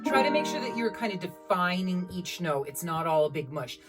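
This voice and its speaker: A woman voice teacher leading a singing warm-up, demonstrating each exercise by singing and then explaining it plainly. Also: on the low side, sing-song, brisk, recorded from a distance. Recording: loud piano under the voice. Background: piano accompaniment.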